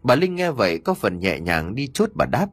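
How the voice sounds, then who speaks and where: Expressive male audiobook narrator. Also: medium pitch, moderate pace, no echo. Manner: expressive, dramatic storytelling.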